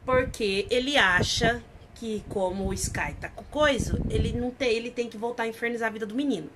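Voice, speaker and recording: A woman's voice: fairly high pitch, brisk, noisy background. A woman hosting a casual video review, retelling scenes with great feeling and acting out the lines she quotes. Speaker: channel host reviewing series.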